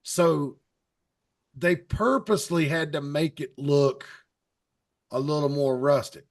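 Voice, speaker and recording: A man's voice: on the high side, steady tone, slow pace. A man on a podcast panel, chatting casually and rambling with hesitant fillers. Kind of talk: casual chat.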